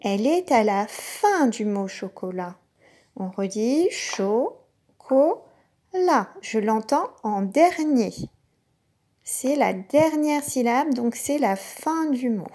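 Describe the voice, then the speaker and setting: A woman teacher giving a recorded lesson to young children, speaking patiently and sounding out each syllable clearly. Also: on the high side, lively intonation, slow pace, mellow. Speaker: kindergarten teacher.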